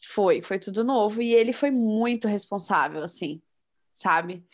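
Calm woman in her thirties chatting. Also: mid-range voice, measured pace. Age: 30s. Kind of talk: casual chat.

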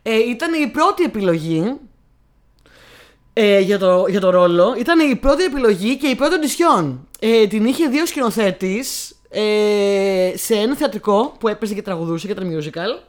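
A woman's voice: mid-range voice, animated. A young woman co-hosting a casual film chat, talking in a chatty, hesitant way with many fillers. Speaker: co-host.

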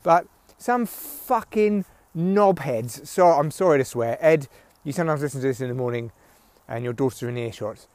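Recording outside in the wind with headphones serving as his microphone, a man hosts a solo comedy podcast full of opinionated, profane rambling. His voice sits on the high side with a darkish tone, the recording is dry, and rustling clicks come through.

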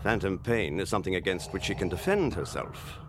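An actor playing an imperious, scornful and ambitious imperial governor in a radio drama, with a haughty, deliberate, formal way of speaking. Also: male voice, sits low, lively intonation. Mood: scornful, impatient. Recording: noisy ambience behind the voice.

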